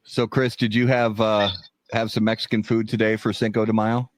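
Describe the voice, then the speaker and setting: Upbeat male podcast host, low voice, dry close sound, rambles with fillers. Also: level tone, normal speed, no echo. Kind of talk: casual podcast hosting.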